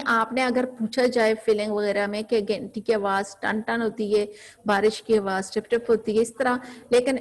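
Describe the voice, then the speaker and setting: A woman teaching a grammar class, asking her students questions and then answering them herself. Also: fairly high pitch.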